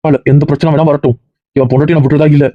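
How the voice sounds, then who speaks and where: A woman's voice: deep voice, fairly even intonation, racing, dry recording, lo-fi sound. A woman playing an angry young husband in a family drama skit, heated and threatening. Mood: defiant. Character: young husband defending his wife, angry.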